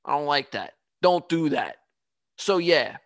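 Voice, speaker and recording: A man hosting his own podcast, talking casually in an animated, ranting, self-mocking way. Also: on the high side, a little slow, no echo. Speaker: podcast host. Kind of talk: casual solo monologue. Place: home studio.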